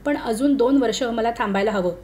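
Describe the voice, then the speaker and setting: A woman's voice: a little high, fairly quick, a little mellow, slight background noise, close to an everyday voice. A woman reading a young man's lines. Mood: earnest. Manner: protests and snaps in exasperation. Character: young man, poor Mumbai commercial artist, irritable.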